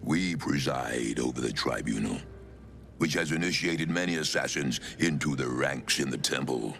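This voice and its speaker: Playing a dread undead cultist elder, a murderous zealot in a fantasy game, this male actor intones solemn, archaic lines at a moderate pace. His very deep, gravelly voice carries a fairly bright tone, with music behind it.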